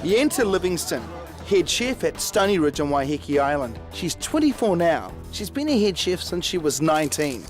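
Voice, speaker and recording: A man's voice: a little high, big pitch swings, normal speed, faint music behind. A man with a New Zealand accent, a head chef and host delivering scripted television narration.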